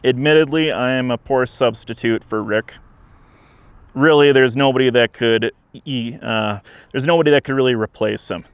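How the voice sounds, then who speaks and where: A man speaking in an earnest, measured, plain-spoken way, giving an informal update to camera as a museum director outdoors. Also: mid-range voice, clear, resonant tone, dry recording. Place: outdoors beside a trail, with traffic and wind. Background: traffic and wind.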